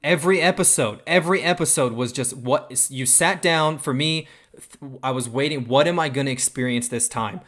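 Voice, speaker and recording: A man hosting a casual talk stream, excitable and swearing a lot as he praises a show. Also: mid-range voice, normal speed. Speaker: stream host. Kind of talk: casual chat.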